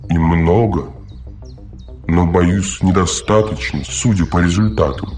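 Male reader playing a smothering robot caretaker, very low voice, preachy, audiobook. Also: measured pace, darkish tone, soft background music. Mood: fussy. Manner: solicitous, lecturing, talks too much. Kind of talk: audiobook reading.

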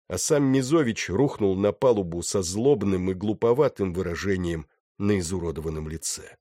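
A male audiobook narrator with a low, slightly mellow voice reads scripted narration. The recording is dry, with clean studio sound.

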